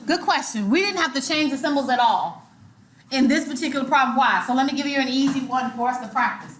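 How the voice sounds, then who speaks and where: Woman math instructor, slightly high voice, emphatic and repetitive, echoey classroom with faint noise. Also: fast talker, a bit bright. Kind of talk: classroom lecture.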